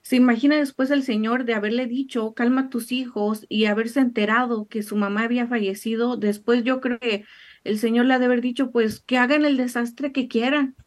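A woman with a high voice hosting a casual interview over a call. She reflects aloud and responds warmly to her guest's stories. Her speech is conversational and unhurried. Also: fairly even intonation, dry recording. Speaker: host.

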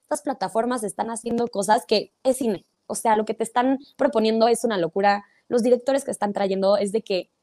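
A woman's voice: on the high side, fairly even intonation, a little fast, few pauses, mellow, no room sound. A young Mexican woman, a social media creator, chatting as an interview guest in a bubbly, gushing way and laughing often. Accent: Mexican Spanish. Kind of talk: casual interview chat.

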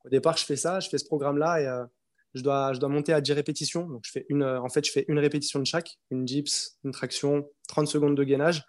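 A young man in his twenties speaks as an interview guest, his voice sitting a little high for a man. He talks casually and haltingly, stopping to restart his sentences and filling gaps with hesitations. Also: fairly even intonation. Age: 20s. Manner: hesitant, many restarts and fillers.

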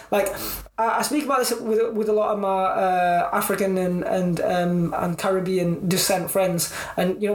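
A man, a podcast guest talking in a reflective, chatty way with frequent restarts. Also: high-pitched. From Manchester, England. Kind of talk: casual interview. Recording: echoey room.

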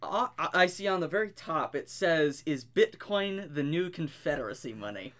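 A man co-hosting a podcast in casual chat, chatty and giggly, telling stories with animated quoted reactions. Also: a little high, normal speed. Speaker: podcast co-host.

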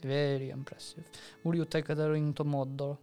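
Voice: mid-range voice, little pitch movement, normal speed, warm tone, faint music behind, natural voice. A performer playing an archbishop interviewing candidates, in a mock-solemn, repetitive manner, in improvised comedy. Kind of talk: improvised comedy role-play.

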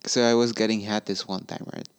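Low-voiced young man, teasing deadpan. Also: a little fast, creaky, smooth. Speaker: podcast co-host. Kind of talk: crude casual chat.

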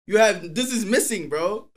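A man's voice: sits high, lively intonation, unhurried. A young man joking and arguing in slangy casual banter with his friends. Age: young adult. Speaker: podcast co-host.

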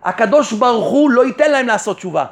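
A man's voice: extremely high pitch, animated. A man, a rabbi giving a Torah lesson, who asks rhetorical questions and answers them himself, and speaks to his listeners directly and insistently. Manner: addresses listeners warmly and directly; emphatic and insistent.

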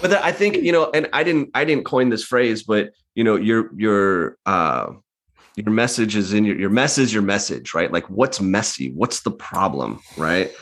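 A man's voice: lowish voice, lively intonation, normal speed, a bit bright. A man as a guest in a casual interview, explaining his points conversationally and often ending them with "right?".

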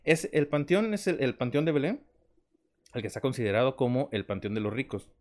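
A man's voice: mid-range voice, fairly quick. Slangy Mexican man telling stories. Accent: Mexican Spanish. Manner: slangy, animated storyteller. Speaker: podcast co-host. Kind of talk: casual chat.

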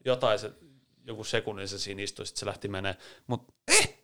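A man's voice: lowish voice, steady tone, fairly bright tone. A man chatting casually, teasing his co-host and reading facts aloud like a mock lecture. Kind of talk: casual chat.

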